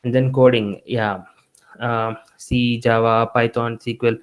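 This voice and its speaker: A Telugu-speaking man appears as a guest speaker, offering engineering students career advice in a conversational way. His mid-range voice stays level and unhurried, and he often restarts his sentences.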